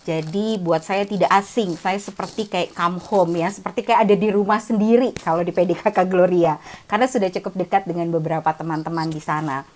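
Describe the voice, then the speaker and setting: A woman's voice: fairly low pitch, fairly even intonation, fairly quick, a little mellow. A woman in her forties giving a casual, chatty sermon reflection over a video call, self-deprecating and laughing often. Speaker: guest speaker at prayer meeting.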